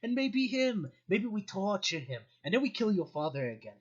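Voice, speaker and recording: A man's voice: high-pitched, big pitch swings, moderate pace. A young man speaks in a slightly raised voice, with mock grandeur and bravado, during a tabletop game. His mic sounds dull and lo-fi. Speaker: player.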